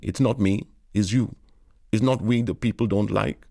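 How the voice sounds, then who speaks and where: A man's voice: fairly low pitch, fairly even intonation, moderate pace, gravelly, warm tone, dry recording, studio quality. A man reading as a weary young man in London, earnest and pleading. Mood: bitter.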